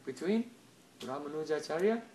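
A man with a high-pitched voice tells a devotional story as a spiritual teacher. He talks in an animated way and checks in with listeners with a quick "huh?" between story beats. His voice echoes around the room. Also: slight background noise.

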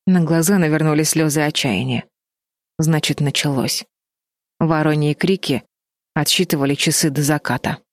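A woman reading a children's story aloud as narrator, with even storytelling. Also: low-pitched, normal speed, no room sound, clean studio sound. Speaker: audiobook narrator. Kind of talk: scripted narration.

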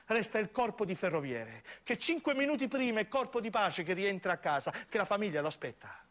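A narrating actor with a southern Italian accent performs an impassioned theatrical monologue for radio, emphatic and repeating phrases. His voice sits high and a bit bright, very animated and delivered a little fast.

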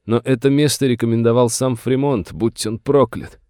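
A man's voice: mid-range voice, steady tone, moderate pace, a little mellow, smooth, dry recording, studio quality, pitched above the performer's own voice, lightly acted. A man voicing a frightened aging rancher who pleads in a plaintive, agitated way. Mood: fearful, plaintive. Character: frightened aging male rancher, tearful and whining.

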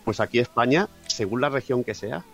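Brisk and mid-pitched, this Catalan podcast guest chats casually in fairly neutral Spanish-from-Spain accented speech, full of fillers and frequent restarts. Faint music plays behind him.

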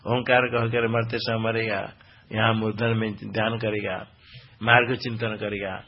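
Male spiritual teacher, husky voice, exacting about pronunciation, dull lo-fi recording. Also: mid-range voice. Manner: exacting, corrects pronunciation point by point; quizzes listeners with questions. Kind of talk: teaching scripture recitation.

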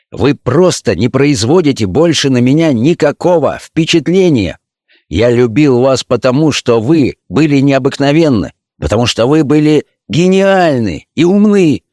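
Casting: man as a cruel, scornful young gentleman, declaiming with contempt, mid-pitched, dry sound. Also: no echo, close to an everyday voice. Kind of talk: audiobook reading.

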